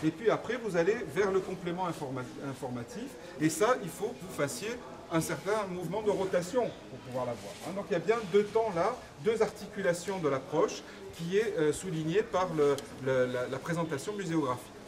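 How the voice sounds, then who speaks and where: A man's voice: high voice, expressive, fairly quick. A man guiding a museum tour, explaining with frequent self-corrections. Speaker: museum guide. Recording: distant mic in a crowd. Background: crowd.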